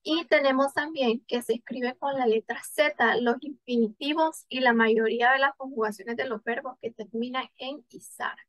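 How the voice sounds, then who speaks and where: A woman with a fairly high voice gives a class presentation on spelling rules. She reads out lists of example words one by one, with small pauses and fillers between them. The sound is dry and close. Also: steady tone, dry recording, rough recording. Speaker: student presenter.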